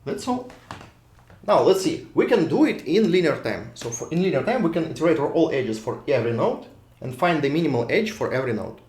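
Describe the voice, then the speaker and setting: Very animated and brisk, his voice high-leaning and a little mellow, a man from Russia lectures with a Russian accent. He works at a whiteboard in a lecture hall, thinking aloud as he draws with many restarts and repeated words, and the echoey recording loses him as he moves off mic.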